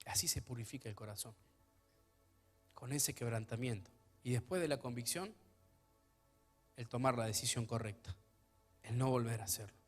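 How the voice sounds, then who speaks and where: A man preaching a sermon as pastor of a church, his delivery swinging between hushed, intimate stretches and loud, emphatic ones. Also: medium pitch, steady tone, normal speed, long pauses, soft background music.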